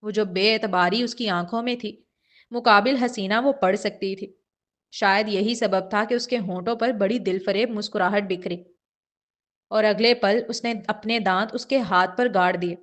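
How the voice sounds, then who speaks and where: A woman reading a romance novel aloud as audiobook narration, steady and smooth. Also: mid-range voice. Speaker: novel reader.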